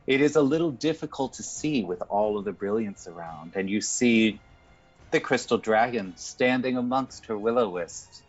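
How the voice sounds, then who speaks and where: A man's voice: fairly low pitch, expressive, normal speed, dull audio. A man running a tabletop game as game master, narrating scenes and talking with the players. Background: music.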